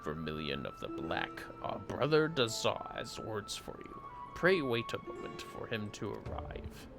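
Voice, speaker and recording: A man's voice: lowish voice, big pitch swings, a little slow, creaky, music in the background, full character voice. A man playing a solemn mage elder in a fantasy game, speaking in formal, archaic phrasing. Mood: grave. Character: solemn, measured mage elder giving prophecy and blessing.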